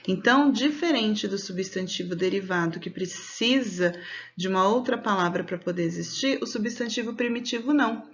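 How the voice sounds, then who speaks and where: A Brazilian woman, a schoolteacher recording a video lesson for children, speaks at a middle pitch. She explains patiently and step by step, stretching words out slowly so the stressed syllable is clear. The sound is a bit dull, like a simple home recording. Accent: Brazilian Portuguese.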